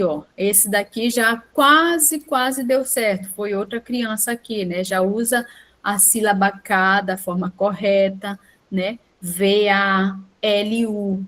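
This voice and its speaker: A woman gives an online lesson, explaining step by step, checking in with a quick "tá?" and correcting herself mid-sentence. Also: mid-range voice. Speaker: teacher preparing students for a teaching exam.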